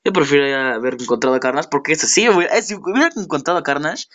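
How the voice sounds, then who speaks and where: A man's voice: fairly high pitch, racing, a bit bright, muffled recording. A man giving a casual, rambling toy review, often laughing at himself.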